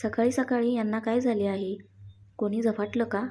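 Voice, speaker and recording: A woman's voice: fairly high pitch, fairly even intonation, normal speed, dark tone, close to an everyday voice. A woman voicing a shy, stubborn young bride who sulks and pleads. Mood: sulky. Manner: sulky and pleading.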